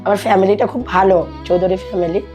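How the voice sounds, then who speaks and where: A young Bangladeshi woman in her twenties from Dinajpur appears as a podcast guest, telling her life story in conversation and retelling what people said to her. Her mid-range voice is mellow and steady at a quick pace. Background music plays under her voice.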